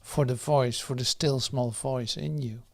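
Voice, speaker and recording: A man guiding a meditation and slowly reading a prayer, soft and unhurried, with pauses and fillers. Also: mid-range voice, steady tone, gravelly. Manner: reads the prayer slowly and firmly. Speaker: meditation guide. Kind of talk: guided meditation.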